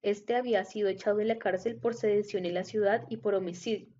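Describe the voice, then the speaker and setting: A woman reading a Bible passage aloud in a steady, measured way. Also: mid-range voice. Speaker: scripture reader. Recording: dull lo-fi recording.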